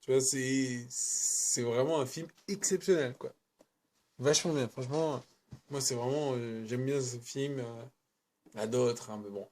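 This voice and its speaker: A man reviews a film in a casual, rambling way. His voice sits at a middle pitch, and he keeps backtracking and correcting himself. He talks loosely, with plenty of slang. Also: unhurried, darkish tone, a little hiss or hum. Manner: rambling, self-correcting, colloquial.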